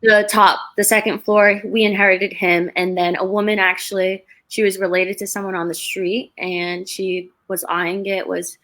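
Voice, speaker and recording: A young woman in her twenties talks through her stories as an interview guest. Her voice sits at a middle pitch, and she keeps a chatty, easygoing flow. The talk is casual and unscripted. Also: level tone, moderate pace, hardly any pauses, fairly bright tone. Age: 20s. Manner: chatty storyteller, laughs between stories. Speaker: guest, real estate investor. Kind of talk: casual interview over a livestream.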